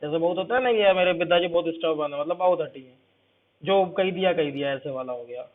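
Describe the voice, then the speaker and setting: A man's voice: fairly high pitch, quick pace. A young man teaching English vocabulary for exam prep, explaining step by step and repeating each word and its meaning. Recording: tinny phone-like sound.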